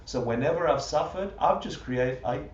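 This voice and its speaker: A man teaching a Buddhist class live to an audience, animated, full of rhetorical questions and often laughing. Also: medium pitch, moderate pace. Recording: roomy, distant, muffled livestream audio.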